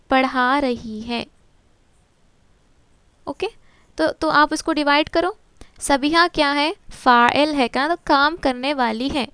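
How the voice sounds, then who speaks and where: A woman's voice: sits high, a bit bright, dry recording. A woman teaching Urdu grammar from a textbook, patiently asking questions and answering them herself, with English words mixed in. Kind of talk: explaining a textbook to students.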